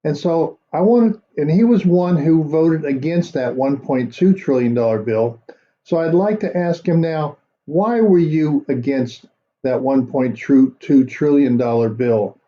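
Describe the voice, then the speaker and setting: A man hosting a political commentary show, talking in a measured, conversational way with frequent fillers. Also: on the high side, animated, warm tone, lo-fi sound. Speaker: commentary host.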